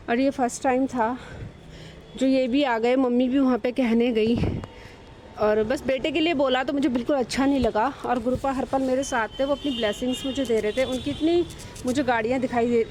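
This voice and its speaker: A woman in her thirties shares a personal devotional testimony in a high voice. She talks in a chatty, halting way, full of fillers and restarts. Faint background noise runs under the recording. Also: darkish tone. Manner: chatty, hesitant, many fillers. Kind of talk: casual spoken testimony.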